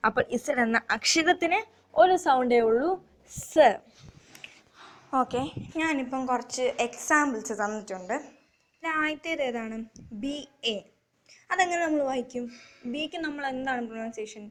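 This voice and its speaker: A young woman teaching children letter sounds, slowly and repetitively, asking questions and answering them herself. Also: high-pitched, animated, a bit bright. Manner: slow, repetitive, asks and answers her own questions. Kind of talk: phonics lesson for children.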